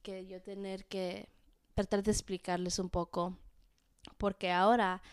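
A young woman in her twenties speaks slowly and haltingly, stopping often to find her words and dropping English fillers into her sentences. Her voice is smooth and clear. The sound is dry and close, with no room around it. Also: mid-range voice, level tone, no room sound. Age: 20s. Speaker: podcast host. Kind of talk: casual personal monologue.

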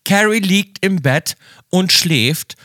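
A man's voice: sits high, lively intonation, takes it slowly, pushed and bright, no room sound, clean studio sound. A man co-hosting a podcast, telling stories in a gossipy, dramatic way. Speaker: podcast co-host. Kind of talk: casual chat.

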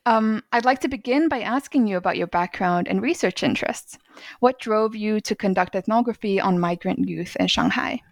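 A woman's voice: mid-range voice, moderate pace, no echo. A woman hosting an academic book podcast, reading a formal, polished introduction and then asking interview questions. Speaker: podcast host.

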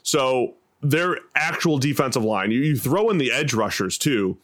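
A man's voice: medium pitch, animated, a little slow, a bit bright. An American man hosting a sports podcast, talking through football analysis conversationally.

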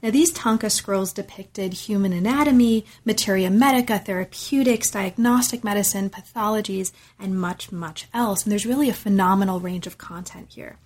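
A woman's voice: medium pitch, normal speed, hardly any pauses, a little mellow. A woman hosting an interview, articulate and enthusiastic, moving between prepared summaries and questions for her guest. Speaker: podcast interviewer and host.

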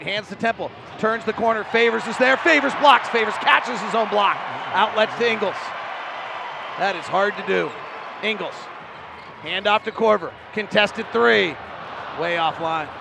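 Male play-by-play announcer, high gravelly voice, clipped fast calls over loud arena noise. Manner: rapid clipped play calls, bursting into shouts on big plays. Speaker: play-by-play commentator. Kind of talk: live basketball commentary.

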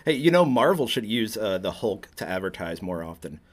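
Male podcast guest, low voice, very lively pitch, animated dad-joke teller. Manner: animated joke-telling with chuckles and quick asides. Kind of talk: casual joke-swapping chat. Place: small shed podcast studio.

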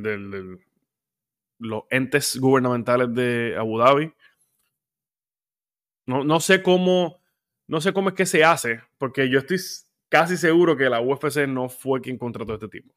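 A man's voice: medium pitch, a bit bright. Guy doing his sports podcast, chatty, gets fired up ranting, lots of ehs. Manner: conversational, heated rants with fillers. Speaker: podcast host.

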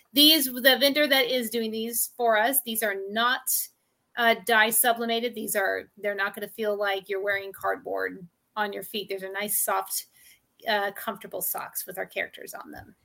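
A woman's voice: medium pitch, gravelly, pushed and bright. A woman who creates comics, chatting casually on a podcast in a bubbly way.

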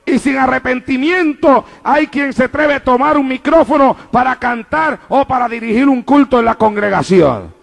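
A male preacher with a strikingly high voice and a gravelly, rough edge. He delivers a fervent evangelical sermon in a rhythmic, repetitive cadence, calling out again and again to the congregation. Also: moderate pace, hardly any pauses. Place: church in New York.

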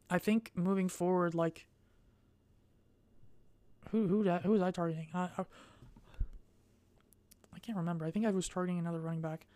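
A young adult woman vlogs casually and rambles, speaking in a monotone with frequent hesitations and lots of fillers. Her voice is lowish, and there's no echo.

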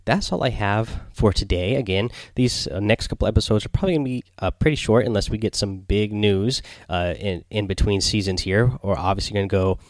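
A man hosting a casual gaming podcast in a quiet, subdued late-night manner, rambling and hesitant as he goes. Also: on the low side, brisk, few pauses, no room sound, studio quality. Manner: quiet, subdued late-night delivery, holding back so as not to wake others. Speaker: solo podcast host. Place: small home recording space near bedrooms.

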